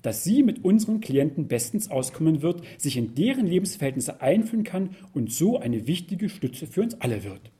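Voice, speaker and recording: A courteous, formal male manager in a spoken story, as a man plays him. He talks with measured politeness and a lively lilt. The tone is mellow. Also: fairly high pitch, slightly rough, full character voice.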